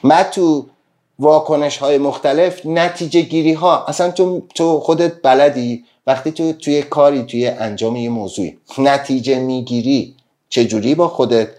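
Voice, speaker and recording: A man's voice: mid-range voice, darkish tone. A man giving a casual motivational talk on a live stream, speaking earnestly and piling up rhetorical questions to his listeners. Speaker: self-help speaker.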